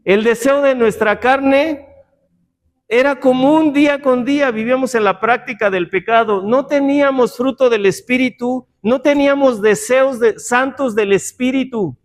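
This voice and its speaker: A man's voice: very high voice, measured pace. A man teaching a Bible class in a church room, talking conversationally with joking asides and rhetorical questions to his listeners.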